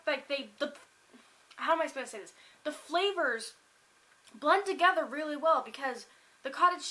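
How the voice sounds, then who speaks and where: A young woman vlogs from her kitchen in an upbeat, rambling way, her voice bright and a little high. She trails into fillers and restarts as she talks to the camera. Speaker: food vlogger. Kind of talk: casual chatty vlog. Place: home kitchen.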